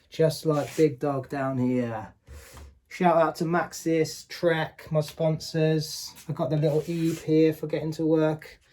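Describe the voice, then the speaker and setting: A man with a fairly high-pitched, darkish voice plays up a boastful YouTuber persona in a tongue-in-cheek garage tour. He gives test tips to pupils in a jokey, slangy way, repeating "innit" and "sick."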